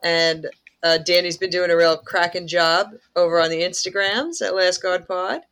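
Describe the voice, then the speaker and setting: A man hosting a podcast, laid-back and quick to laugh. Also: high-pitched, steady tone, sharp tone, clear, resonant tone. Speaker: podcast host. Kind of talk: casual chat.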